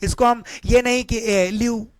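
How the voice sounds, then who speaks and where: A man's voice: very high-pitched, steady tone, a little slow, clear, resonant tone, no echo. A male teacher giving an online pronunciation lesson in a sing-song cadence, asking a question and then answering it. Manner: addresses viewers as beta and mere bhai. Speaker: English teacher.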